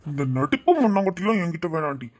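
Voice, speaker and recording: A man's voice: high-pitched, big pitch swings, quick pace, a little mellow. A man voicing a hot-tempered village husband in a cartoon, blustering and threatening. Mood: accusing.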